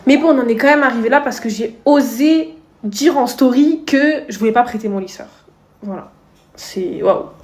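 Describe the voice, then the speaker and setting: A woman's voice: fairly high pitch, normal speed, echoey room. Chatty young woman ranting on stories. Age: young adult. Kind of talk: casual story rant.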